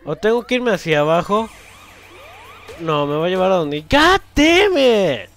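A young man, commentating a video game as he plays, swearing loudly and laughing often at what happens on screen. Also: fairly high pitch, expressive, normal speed. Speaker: gameplay commentator. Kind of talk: let's play commentary.

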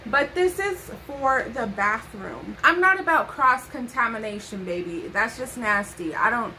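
A woman's voice: on the high side, bright, forceful tone, slight background noise, poor audio. Sassy chatty young woman vlogger. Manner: sassy, playful asides, chatty. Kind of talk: casual haul chat to camera. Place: bedroom.

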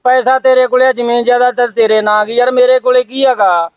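A man's voice: extremely high pitch, fairly even intonation, fast, no room sound, lo-fi sound. An actor playing a young married son who complains to his father about his share. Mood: aggrieved. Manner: complaining, pleading. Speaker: actor in a family skit. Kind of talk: home-made family drama skit.

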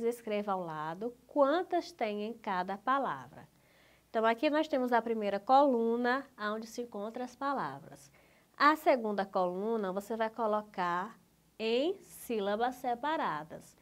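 A woman with a Brazilian Portuguese accent teaching a patient, drawn-out lesson for young schoolchildren. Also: medium pitch. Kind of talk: slow, clear school lesson for young children.

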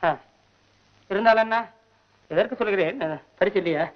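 A man playing a whiny, fretful poor poet. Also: natural voice. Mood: bickering. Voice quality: whiny, high and quick-tempered. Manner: complaining, sarcastic, talks to himself. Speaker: comic lead in a devotional film. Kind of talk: 1960s Tamil film acting. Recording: dull old film soundtrack.

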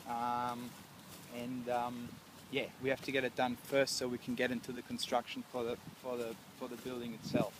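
A man in his thirties with an Australian accent, a council project manager giving a relaxed walkthrough outdoors with many ums and restarts. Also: medium pitch, normal speed, background noise. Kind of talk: casual on-site walkthrough. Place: outdoors at a construction site. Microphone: lapel mic.

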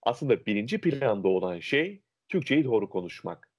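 Lively-voiced man explaining diction. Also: fairly low pitch, moderate pace. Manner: lively, illustrative, imitates dialect speech. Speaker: diction instructor. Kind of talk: explanatory interview answers.

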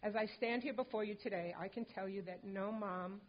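At a lectern on a large indoor hall stage, an older woman in a mid-range voice reads a prepared tribute, accepting a hall of fame honor for her late son. Her delivery is calm, measured, and composed. The lectern microphone results in a dull, lo-fi hall recording.

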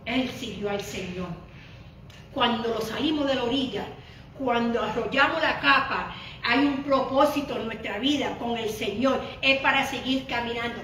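A woman preaches a fervent Pentecostal sermon in a high, bright voice. She swings from loud emphatic bursts to hushed, prayerful asides, dotted with hallelujahs. The mic sits far off in a strongly echoing church hall. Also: normal speed, slight background noise. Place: church sanctuary.

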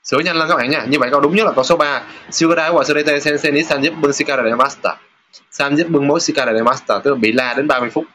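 Chatty man teaching, bright voice. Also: on the high side, slight background noise. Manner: casual, chatty, with filler sounds and reading sentences aloud slowly. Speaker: Japanese teacher. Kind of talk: lesson going over test questions.

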